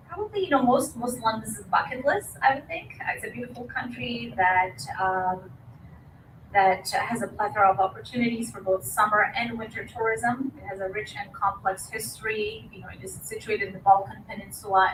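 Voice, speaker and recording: A woman in her forties from Bosnia giving a slide lecture, measured, with many fillers. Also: mid-range voice, a bit bright. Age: 40s. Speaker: guest speaker. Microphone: distant podium mic. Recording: echoey hall from far off, noisy.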